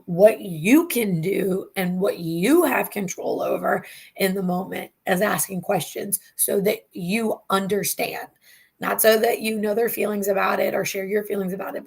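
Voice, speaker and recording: A woman's voice: mid-range voice, gravelly, slightly rough. A woman therapist hosting a talk show, teaching in a casual, candid way with frequent asides. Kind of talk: live online talk show.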